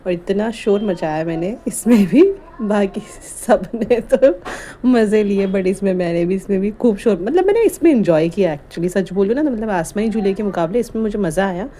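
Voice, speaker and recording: A woman narrating her home vlog as a chatty voice-over, rambling and animated, often breaking into laughs. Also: mid-range voice, normal speed, slight background noise. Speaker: home vlogger. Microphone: voice-over recorded while editing.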